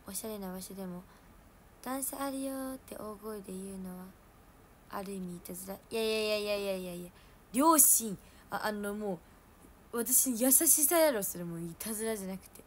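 Chatting casually with viewers from home, this young idol livestream host speaks in Hiroshima dialect with a mid-range voice, and a little hiss or hum can be heard. She often laughs at herself and gets loud while imitating what people told her.

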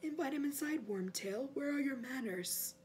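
A woman voicing a cold, menacing, inhuman dark lord in a storybook, hushed and slow, with controlled, commanding delivery. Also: high-pitched, lively intonation, slight background noise, pitched above the performer's own voice. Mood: coolly commanding. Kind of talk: storybook read-aloud.

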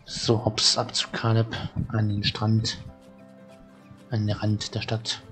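A man's voice: on the low side, completely flat delivery, takes it slowly, a bit bright, faint music behind. A man casually commenting on a farming game as he plays, chatting to himself. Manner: chatty, talks to himself while playing. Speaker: let's-play commentator.

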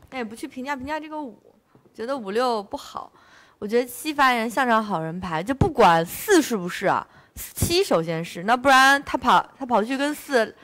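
Female game-show player, bit high pitched, analytical turn laying out her reads. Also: fairly bright tone. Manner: analytical, reasons through each player in turn. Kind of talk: game-table speech.

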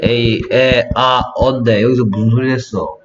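A man's voice: mid-range voice, fairly even intonation, measured pace. A man tutoring English phonics one-on-one, quizzing his student on letter sounds. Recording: dull lo-fi audio with music.

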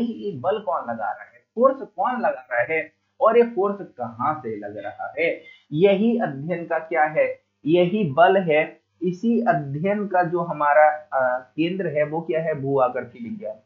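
A man giving a geography lesson, often repeating key terms and putting questions to the class, casually calling his listeners "brother.". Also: fairly high pitch. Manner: casual, addresses listeners as "bhai". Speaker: teacher. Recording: phone-like narrow sound.

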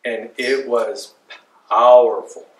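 A slow, medium-pitched man in his forties, a pastor, preaches a conversational, loose sermon from the pulpit of a small church while gesturing animatedly. The mic is distant on a far camera, and the church echo is roomy.

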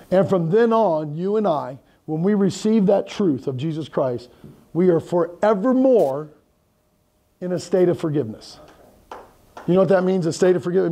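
A middle-aged male pastor delivers a conversational sermon in a church hall. His voice is pitched fairly high, yet it sounds dark and mellow, with a gravelly rasp running through it. He moves around as he talks and keeps asking the room questions. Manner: conversational preaching, asks the congregation questions; moves around and gestures while preaching. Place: church hall with a projection screen.

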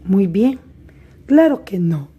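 Her voice is husky and medium-pitched, warm and very animated, as this primary school teacher leads a recorded remote class. She talks slowly and deliberately, speaking directly to the pupils.

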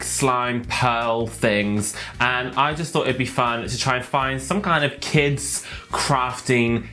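A man's voice: medium pitch, sharp tone. A British man, a sassy drag queen co-host, chatting and bantering playfully with casual swearing. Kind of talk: casual banter, toy reaction video. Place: small indoor set.

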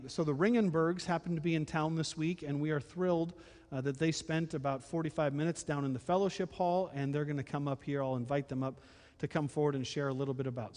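A man's voice: a little high, fairly even intonation, a little fast, a little mellow. A middle-aged man, a pastor, giving friendly church announcements and leading a prayer in a large sanctuary, speaking into a handheld mic with easy fillers. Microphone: handheld microphone. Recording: long reverb of a church hall.

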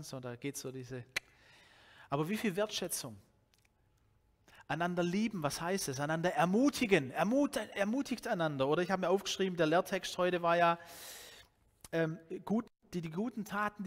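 A man in his forties from Swabia with a Swabian German accent, preaching a sermon in a loose, conversational way, often restarting his sentences, speaking into a headset mic in a church hall. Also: a little high. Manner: conversational, animated, with many restarts and fillers. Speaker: pastor.

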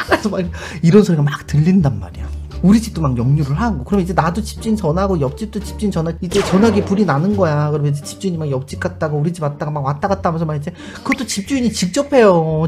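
A man hosting a casual storytelling vlog, chatty and animated, acting out the people he quotes. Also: high-pitched. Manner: chatty, many fillers, addresses viewers. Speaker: YouTuber host.

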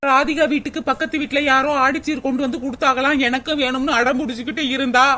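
A woman's voice: sits high, fairly even intonation, quick pace, sharp tone. A woman voicing a put-upon young daughter-in-law in a cartoon, grumbling and plaintive. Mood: complaining. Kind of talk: cartoon voice acting.

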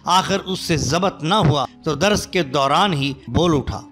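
A man narrates a story in a formal, scripted manner with a bright, forceful voice pitched somewhat high. Soft music plays quietly underneath. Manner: formal, even storytelling delivery.

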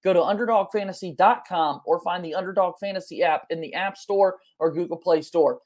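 A man in his twenties with a high-sitting, slightly mellow voice talks a little fast as host of a sports podcast. He's indoors at home in a bedroom or office, joining over a video call with webcam framing and wired earbuds.

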